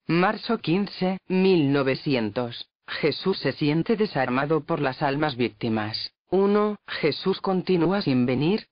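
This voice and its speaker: A man's voice: on the high side, dry recording. Man reading a devotional book. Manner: measured, reverent reading, reads out entry numbers and dates. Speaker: reader. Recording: dull lo-fi dry recording.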